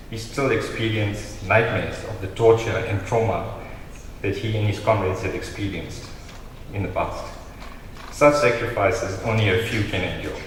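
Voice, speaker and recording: A South African man delivers a solemn, measured eulogy in a slightly low voice. He reads from a prepared text, heard from far off in a very echoey hall with some noise. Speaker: family member giving a eulogy. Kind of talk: prepared funeral eulogy read aloud. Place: large reverberant hall. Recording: very echoey hall, distant mic, noisy.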